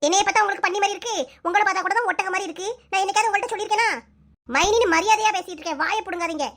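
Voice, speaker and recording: A woman voicing a quarrelsome young village sister-in-law in a cartoon comedy, with a high shrill voice and a Kanyakumari Tamil accent. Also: racing, a bit bright.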